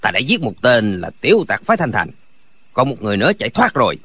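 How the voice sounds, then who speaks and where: A man voicing a blustering, gruff notorious bandit in a martial-arts audiobook. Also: medium pitch, huge pitch swings, quick pace, pushed and bright, full character voice.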